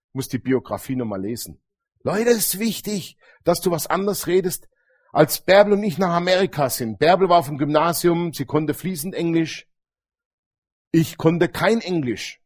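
A man's voice: fairly high pitch, moderate pace, slightly rough. A middle-aged man preaching a sermon, telling stories animatedly and calling out Amen to the congregation. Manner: animated, storytelling, frequent Amen calls to the congregation.

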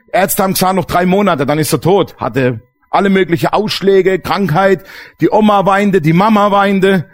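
Emphatic high-voiced man preaching. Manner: emphatic, asks the congregation questions. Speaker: pastor. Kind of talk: sermon.

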